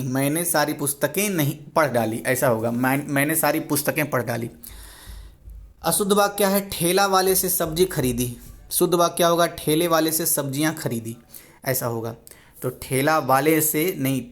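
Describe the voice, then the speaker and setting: Guy tutoring hindi grammar, kinda high voice, reads a wrong sentence then fixes it, repeats stuff a lot. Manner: explains each correction, repeats and self-corrects. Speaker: exam prep teacher. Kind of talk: reading and correcting Hindi sentences.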